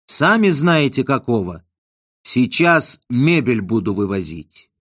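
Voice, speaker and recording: A brash young male con man, as a man puts him on, barking curt, officious orders. His voice moves in lively rises and falls, recorded dry and close. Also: medium pitch, slow, dry recording, heavily acted. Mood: stern, officious.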